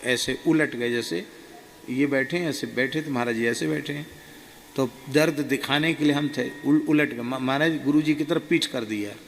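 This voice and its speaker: Monk narrator, gravelly, mid-pitched, earnest devotional storytelling in a reverberant hall. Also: male voice. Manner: slow, earnest and subdued. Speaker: monk telling a spiritual experience. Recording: reverberant hall, faint ambient noise.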